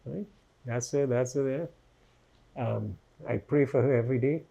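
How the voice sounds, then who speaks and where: A man's voice: medium pitch, a little slow, gravelly, dark tone, dull audio. A man giving a vivid personal account in an interview, acting out the voices he quotes.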